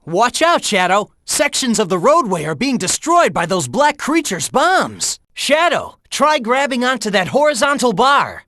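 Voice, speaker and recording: A man voicing a cocky, upbeat young cartoon hedgehog hero in a video game, with an American accent and breezy, energetic delivery. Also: very high-pitched, a little slow, hardly any pauses, dry recording, clean studio sound, exaggerated voice. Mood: urgent, excited. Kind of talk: video game character dialogue.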